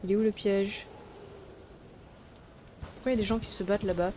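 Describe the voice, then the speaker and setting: A woman's voice: mid-range voice, steady tone, brisk, mellow, a little hiss or hum. A woman streamer giving casual let's play commentary, chatty and exclaiming often as she talks to her viewers and to the characters on screen. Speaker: gaming streamer. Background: game music.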